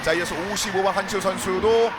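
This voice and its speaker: High-pitched, fast male motorsport commentator. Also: fairly even intonation. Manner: urgent motorsport commentator calls. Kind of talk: live race commentary. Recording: loud track and engine noise. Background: cars and outdoor ambience.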